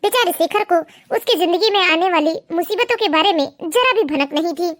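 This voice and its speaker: A woman narrates an animated family story in a scripted way. Her voice is very high, and her storytelling tone is sympathetic. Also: a little fast.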